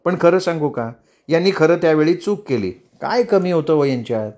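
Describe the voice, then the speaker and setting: A man voicing a gentle, understanding young wife who chats warmly in a Marathi audiobook reading. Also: low-pitched, expressive, moderate pace, voice pushed up. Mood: friendly.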